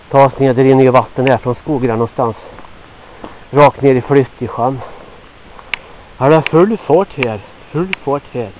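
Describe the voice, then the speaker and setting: A man in his sixties from Sweden rambling gruffly to himself on a walk through a forest, sweaty and a little out of breath. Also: medium pitch, darkish tone, a little hiss or hum. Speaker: vlogger. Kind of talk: rambling walk-and-talk monologue. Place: outdoors in a forest. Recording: dull lo-fi outdoor recording.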